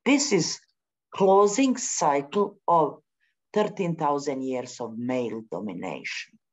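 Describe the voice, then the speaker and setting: Woman speaking slowly and animatedly. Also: low-pitched, lively intonation, a little mellow. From Bosnia. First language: Bosnian. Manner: halting, searching for words with many pauses; non-native English grammar. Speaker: forum speaker. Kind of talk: spontaneous spiritual talk. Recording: dull lo-fi recording.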